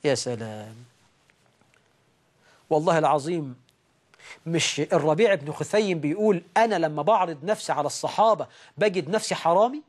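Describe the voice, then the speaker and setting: A man preaching a sermon in an Egyptian accent, moving between slow, drawn-out recitation and sudden raised outbursts. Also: fairly high pitch, expressive. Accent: Egyptian Arabic.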